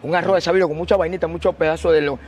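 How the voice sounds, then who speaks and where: A man, a guest telling his story in an animated, slangy way and acting out the quotes. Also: a little high, very fast. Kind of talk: casual storytelling.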